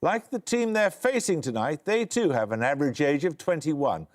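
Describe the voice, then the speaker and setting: A man hosting a quiz show, reading questions crisply and giving dry, wry introductions. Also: on the high side, lively intonation, normal speed. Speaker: quizmaster.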